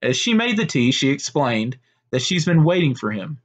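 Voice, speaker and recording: Man, storyteller, medium-pitched voice, unhurried, homemade tale. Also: big pitch swings. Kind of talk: told story narration.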